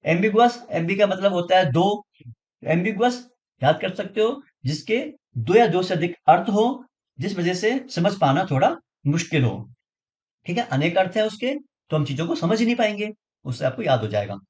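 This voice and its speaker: Man, vocabulary lesson, high voice, lively sing-song delivery, repeats words to drill them. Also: normal speed. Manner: explains with repeated memory tricks, frequent checking questions. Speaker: vocabulary teacher. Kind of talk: exam-prep vocabulary lesson.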